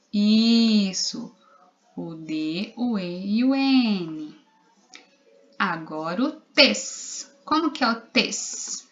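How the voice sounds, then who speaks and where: A woman teacher with a Brazilian Portuguese accent talks slowly and patiently to young children, spelling out letters and syllables one by one. Her voice sits at a middle pitch. The lo-fi home video audio sounds a little dull. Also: fairly bright tone. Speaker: primary school teacher. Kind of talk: recorded literacy lesson for young children.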